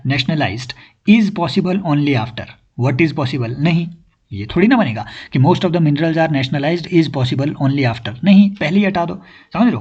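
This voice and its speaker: Male coaching teacher, higher-pitched and husky, walks students through answers on a dull, lo-fi recording. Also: darkish tone. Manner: explains step by step, keeps asking "है ना"; reads English sentences out slowly. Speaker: exam-prep teacher. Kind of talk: online exam coaching lesson.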